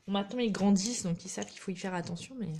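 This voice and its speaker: A woman's voice: mid-range voice, very fast, noisy background. Chatty woman demonstrating crafts. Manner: chatty, narrates her hands-on work with little asides. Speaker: crafting demonstrator hosting a live stream. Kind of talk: live craft tutorial chat.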